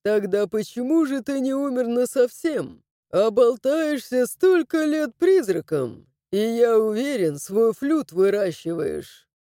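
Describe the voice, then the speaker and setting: Woman doing a mocking crow-like dragon, lowered and drawling, dark and mellow, dry storybook read. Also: big pitch swings, slow, no room sound. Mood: sardonic. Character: sardonic male dragon like a big crow. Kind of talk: audiobook character voicing.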